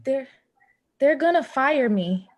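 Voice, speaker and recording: Here a woman with a high voice acts the part of an anxious, wounded neighbor, haltingly insisting on her point as she pleads and reproaches in earnest. The stage dialogue feels natural and expressive, carrying an anxious, pleading mood.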